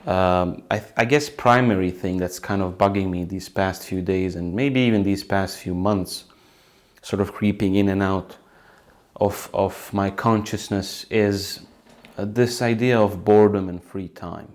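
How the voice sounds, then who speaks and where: Young guy from bosnia, really low voice, thinking out loud slow with lots of ums, home video. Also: fairly even intonation. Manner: thoughtful, halting, with many fillers and restarts. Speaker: author and video host. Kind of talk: reflective solo talk to camera. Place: room at home by a sunny window.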